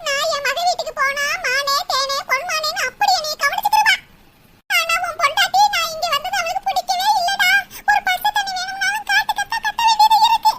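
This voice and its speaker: A woman's voice: extremely high pitch, steady tone, fairly quick, music in the background. Wailing old cartoon mother-in-law. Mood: complaining. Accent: southern Tamil (Tirunelveli). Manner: wailing lament, sing-song grumbling. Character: old village mother-in-law, self-pitying and complaining. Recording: loud background noise.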